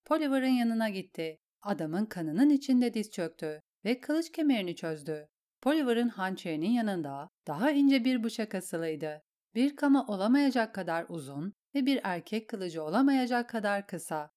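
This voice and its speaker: A woman reads an audiobook aloud at a steady, measured pace. Her voice sits in an ordinary middle range. She keeps the telling even and controlled. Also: mid-range voice. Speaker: narrator. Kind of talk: audiobook reading.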